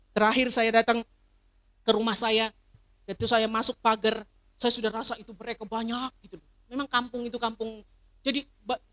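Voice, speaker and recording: A middle-aged woman pastor preaching a sermon, swinging from loud emphatic declarations to soft personal stories. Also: on the high side. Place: church service.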